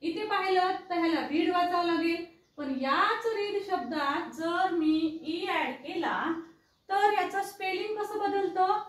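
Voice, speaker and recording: High-voiced woman teaching in an echoey room. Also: measured pace, recorded from a distance. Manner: encouraging, repeats key words, asks the viewer questions. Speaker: English teacher. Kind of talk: explaining spelling and pronunciation to learners.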